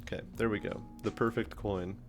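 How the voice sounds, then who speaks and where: With music in the background, a male engineering teacher streams live, talking through a design casually and filling gaps with ums. His voice sits on the low side, steady in tone, at a moderate pace.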